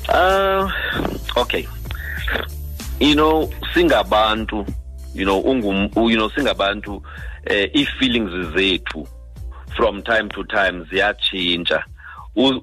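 A man's voice: fairly low pitch, lively intonation, measured pace, fairly bright tone, soft background music, rough recording. A South African man, a guest doctor, explaining things in a radio interview and often checking that listeners follow. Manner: checks understanding with frequent tag questions.

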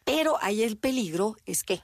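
A woman's voice: medium pitch, expressive, moderate pace, no echo, clean studio sound. A woman co-hosting a podcast in casual chat, often acting out children and parents in little quoted voices. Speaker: podcast co-host.

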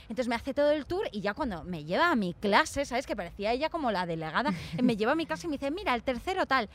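A woman's voice: fairly high pitch, very animated, fast talker. A young woman from Spain chatting casually and telling stories, acting out the voices of people she quotes. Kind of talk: casual chat.

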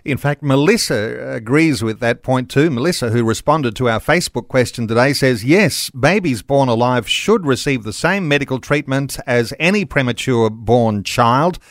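A man's voice: medium pitch, animated, normal speed, hardly any pauses, no echo, clean studio sound. A man with an Australian accent hosting a talk-back radio show.

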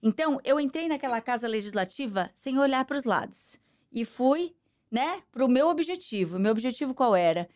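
A middle-aged woman speaking with a Brazilian Portuguese accent, her voice sitting a little high. She answers interview questions earnestly and at a measured pace, with plenty of fillers. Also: animated, a little mellow. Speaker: interview guest, politician. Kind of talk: conversational interview.

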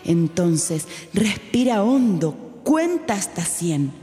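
A deep-voiced, soothing bat-dinosaur, as a woman puts him on in a storybook reading. He speaks slowly and gently, like a patient teacher. Faint music plays underneath. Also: very animated, long reverb tail. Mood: calm advice. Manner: low, slow, soothing. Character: wise calm bat-dinosaur giving gentle advice.

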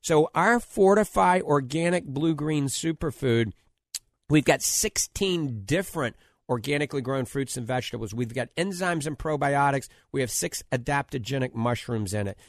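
A man with a New Orleans accent giving an informal, radio-style health talk and product pitch, emphatic and repetitive as he lists his points. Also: animated, normal speed, no echo, clean studio sound. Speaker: health show host promoting diet and supplements.

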